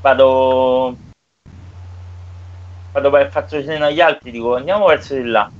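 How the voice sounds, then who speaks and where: Man, tabletop player, hesitant, halting restarts, dull lo-fi recording. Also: mid-range voice, fairly even intonation. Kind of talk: casual tabletop game talk. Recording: dull lo-fi sound.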